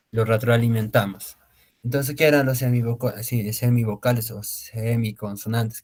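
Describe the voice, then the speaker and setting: A male language teacher, mid-pitched for a man, lecturing to an online class. He explains slowly and repeats words, with many fillers and tag questions. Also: a little mellow.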